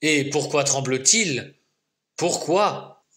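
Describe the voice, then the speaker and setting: A male storyteller reads a children's tale aloud at a very unhurried pace. His voice sits slightly high and sounds bright and clear. The telling is rhythmic and playful. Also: expressive.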